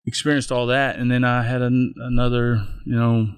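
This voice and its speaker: A middle-aged pastor, appearing as a guest on a podcast, tells his own story in a plainspoken, folksy way and often restarts his sentences. His medium-pitched voice is smooth and flat in delivery, moving at a normal speed with no room sound.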